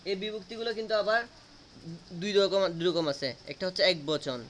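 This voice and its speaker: A man's voice: high voice, normal speed, fairly bright tone, a little hiss or hum. A man teaching a grammar lesson, asking students questions and repeating answers to drill them.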